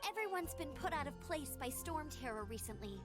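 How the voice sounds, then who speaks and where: Young female knight guide for an anime game: extremely high, earnest, proclaiming, with strong music underneath. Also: expressive, fairly quick. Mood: earnest, confident. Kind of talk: scripted anime video game voice acting.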